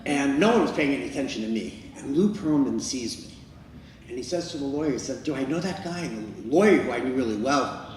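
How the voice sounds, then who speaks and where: A man in his sixties tells a chatty, anecdotal story at an improv show, acting out the lines of the people in it. His voice sits at an ordinary middle pitch. It comes from a mic well off in an echoey room, with a little noise underneath. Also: expressive, fairly quick, darkish tone, far from the mic. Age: 60s. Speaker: improv performer telling a true story. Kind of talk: storytelling monologue. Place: improv venue.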